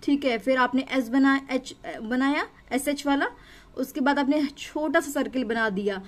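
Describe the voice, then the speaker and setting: A woman's voice: high voice, normal speed. A woman shorthand teacher, explaining each step patiently and repeating it with questions. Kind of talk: explanatory lesson.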